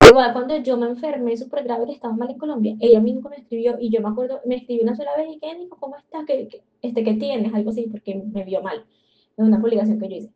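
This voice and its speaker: A woman's voice: quick pace, dull audio. A woman chatting casually and telling a story, animatedly gossiping and quoting others. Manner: animated gossiping, quotes others in a put-on higher voice. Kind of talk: casual chat.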